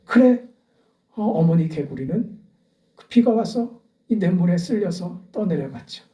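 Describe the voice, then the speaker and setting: Impassioned preacher in an echoey church. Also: male voice, high voice, lively intonation, measured pace, far from the mic. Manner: impassioned, swelling to loud pleading appeals. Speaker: pastor. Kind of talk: sermon. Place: church sanctuary.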